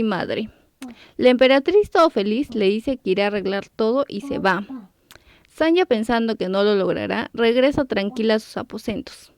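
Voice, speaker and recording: A woman's voice: a little high, a little mellow, dry recording. A woman narrating a story recap, lifting her voice on character names. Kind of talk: scripted narration.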